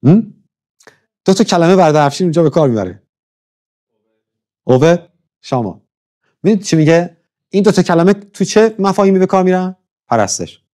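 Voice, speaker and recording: A man's voice: high voice, animated, long pauses, mellow. A man teaching a church class in a conversational lecture, often stopping to ask his listeners questions and checking how he pronounces foreign words. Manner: conversational, keeps asking the audience questions.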